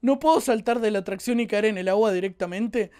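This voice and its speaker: A woman with a Rioplatense Spanish accent doing excitable let's play commentary as a gaming YouTuber, exclaiming and joking at the viewers. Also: mid-range voice, a little fast.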